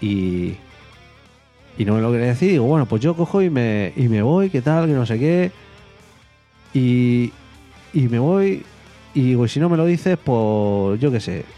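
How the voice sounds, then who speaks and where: Man telling a story, animated. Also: a little slow, pauses often. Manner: animated, laughing, shrill acted quotes. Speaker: podcast co-host. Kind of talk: casual storytelling chat. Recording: faint guitar music behind.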